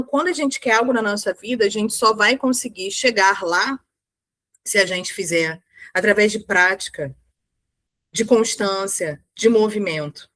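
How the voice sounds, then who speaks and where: A woman's voice: medium pitch, no room sound. A woman with a Brazilian Portuguese accent giving an earnest, emphatic motivational talk as a mindset coach, in short repeated phrases. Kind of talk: motivational talk to women entrepreneurs.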